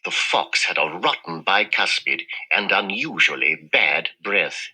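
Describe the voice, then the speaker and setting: A man reading a children's story in an expressive, measured storytelling manner. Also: deep voice, breathy edge, low-quality recording. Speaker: storybook reader. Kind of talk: scripted children's story narration. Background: music.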